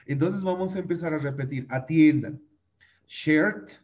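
Male schoolteacher, slightly high voice, patient word-drilling over a video call. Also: measured pace, a little mellow. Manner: patient, drills pronunciation, uses diminutives. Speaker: English teacher. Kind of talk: online class for children.

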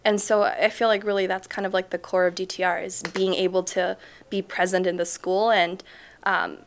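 A young woman from Chile answers interview questions as a teacher, pausing often with ums and letting her sentences trail off softly. Her voice sits at an ordinary middle pitch, and she is recorded indoors in a school library. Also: level tone. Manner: thoughtful, frequent ums, soft trailing off. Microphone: off-camera mic, seated interview framing.

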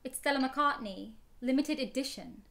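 Actress as a young posh sister, sharp and teasing, bright high voice on a video call. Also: female voice, normal speed. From Liverpool. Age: young adult. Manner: teasing, assertive. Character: posh, sharp-tongued fashionista older sister. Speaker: sister of the bride. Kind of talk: comedy short film acting.

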